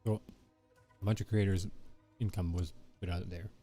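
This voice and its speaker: A livestreaming artist with a low voice talks at a normal speed while he draws, chatting casually with viewers. He rambles in a relaxed way, full of fillers like "you know" and "like," over soft background music.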